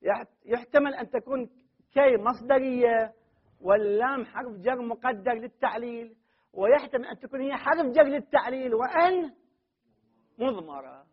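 An Iraqi-accented man lectures on grammar in a very high voice. He keeps asking the class questions and answering them himself, heard through a dull, muffled lo-fi recording. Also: lively intonation, normal speed, breathy edge. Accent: Iraqi Arabic. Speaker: religious seminary teacher.

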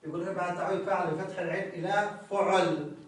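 A man's voice: high voice, steady tone, very fast. Man, grammar teacher, repeats phrases, very echoey room, distant mic. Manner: repeats key phrases, prompts students to notice. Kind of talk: classroom explanation of a text.

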